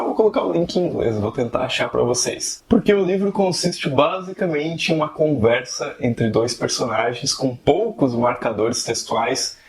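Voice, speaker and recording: Man, chatty writing teacher, mid-pitched voice. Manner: conversational, frequent tag questions. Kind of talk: casual video lesson.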